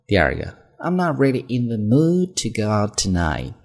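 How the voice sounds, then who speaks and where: A man teaching English phrases as a lesson, explaining patiently and reading example sentences slowly. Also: on the low side, huge pitch swings, creaky. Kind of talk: language lesson.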